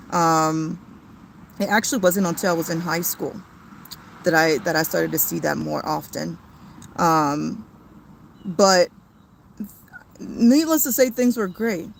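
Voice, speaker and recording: Tearful, halting woman on a livestream. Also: on the low side, creaky, slight background noise. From came to the US as a child. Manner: tearful, halting, many fillers and restarts. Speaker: family channel host. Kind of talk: emotional livestream talk.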